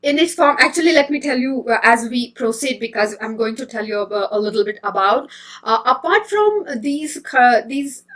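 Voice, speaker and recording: A woman hosts a casual live stream, her voice sitting a little above the usual range. She talks in a friendly, chatty way, pausing often with ums and uhs and restarting sentences. She greets viewers by name as she goes. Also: fairly high pitch, lively intonation, a bit bright. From India. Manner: chatty and hesitant, many fillers and restarts. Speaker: host of a healthy-eating live stream.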